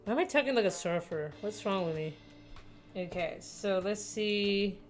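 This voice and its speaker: Over soft background music, a young woman artist mutters her way through a digital drawing, making self-deprecating jokes about what she's creating. She speaks at a normal speed in an expressive, mid-range voice.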